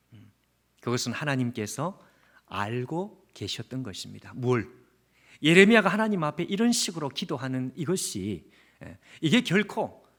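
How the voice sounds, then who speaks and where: A man preaching a revival sermon as a pastor, earnest and questioning the congregation directly, sometimes dropping to a hushed near-whisper. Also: fairly high pitch. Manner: speaks Jeremiah's prayer as his own, dropping to a hushed near-whisper. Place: church sanctuary.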